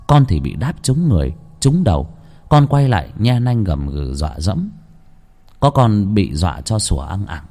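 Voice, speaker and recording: A man narrating a ghost story in a dramatic, lively storytelling manner. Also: fairly low pitch, husky.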